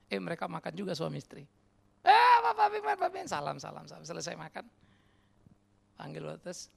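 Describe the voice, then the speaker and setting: A man preaching a sermon as pastor, animated and conversational. He questions the congregation directly and mixes casual slang and English words into his talk. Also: on the high side, vocal fry. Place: church.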